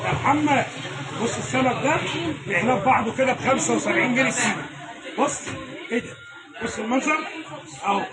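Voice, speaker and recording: A man with an Egyptian accent selling fish in a market, calling out loud joking sales patter and laughing often. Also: very high-pitched, quick pace, long pauses. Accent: Egyptian Arabic. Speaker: fish seller. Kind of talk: lively market banter on a live stream. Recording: loud crowd and street noise.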